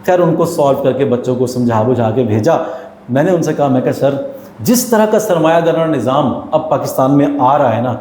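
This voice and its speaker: A male teacher, appearing as a guest in an interview, earnestly tells stories and explains his views, slipping in English terms. His medium-pitched voice is animated and dark-toned, and the room is echoey.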